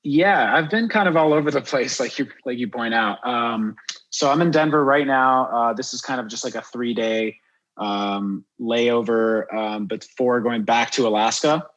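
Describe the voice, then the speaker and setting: Born in France and raised in Miami, USA, a man who works as a wildlife photographer and guide chats informally and reflectively as a podcast guest. His mid-range voice has a fairly bright tone at normal speed, though the recording is muffled.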